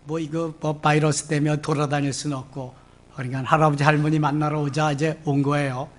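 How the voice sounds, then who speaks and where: A man's voice: fairly high pitch, bright, forceful tone. An older man preaching a sermon as pastor in a church, emphatic and exclamatory, with sudden outbursts. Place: church sanctuary.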